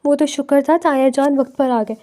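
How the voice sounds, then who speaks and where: A frightened young girl who cries out to be let go, as a woman narrator reads her. The voice is high with a dark, soft tone. It is a storybook reading. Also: flat delivery, natural voice. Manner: frightened, crying out.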